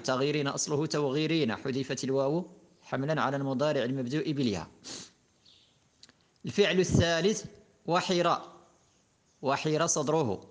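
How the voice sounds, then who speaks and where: A man teaching a lesson on verb morphology, methodically working through conjugations one form after another. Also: a little high. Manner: methodical, reciting verb conjugations in steady patterns. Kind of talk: classroom lesson explaining a grammar poem.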